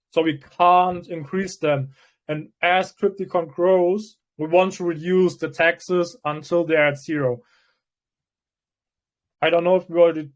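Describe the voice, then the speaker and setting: A man from Germany, a crypto project founder, answering interview questions in a measured way with frequent restarts. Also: fairly high pitch. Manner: measured, restarts often, plain explanatory tone.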